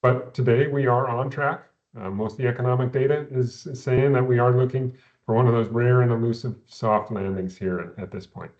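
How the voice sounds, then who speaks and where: A man, an investment adviser, explaining economics in a measured way, often repeating words at the start of phrases, heard over a video call. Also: mid-range voice, fairly even intonation, a little mellow, muffled recording. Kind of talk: explaining economics in a recorded company Q&A.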